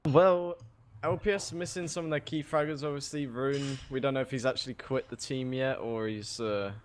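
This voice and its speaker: A man's voice: medium pitch, fairly even intonation, normal speed, slight background noise. A man co-casting a live esports match, giving loose analytical takes. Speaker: esports co-caster.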